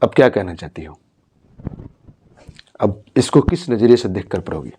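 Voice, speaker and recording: A man's voice: lowish voice, expressive, normal speed, dark tone, a little hiss or hum. A man teaching and counseling a student, talking encouragingly and checking her understanding with questions. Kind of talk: motivational talk to a student.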